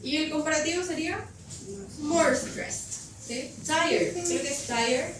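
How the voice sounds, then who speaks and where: A woman's voice: sits high, measured pace. A woman teacher explaining grammar to a class, patiently checking whether students understand. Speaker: English teacher. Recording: echoey classroom from far off, noisy.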